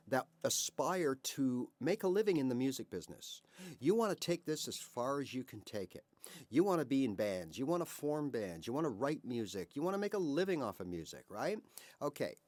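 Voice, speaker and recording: A guitar teacher in his 50s or older gives a casual video lesson to camera, chatty and encouraging, his pitch rising and falling as he asks rhetorical questions and often says "all right" and "right?". The sound is dry and close, with almost no room echo.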